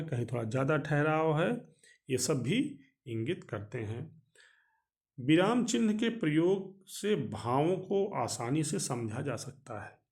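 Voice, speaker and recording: A man teaching a grammar lesson, explaining step by step in a measured way with frequent pauses. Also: a little high, creaky, a little mellow.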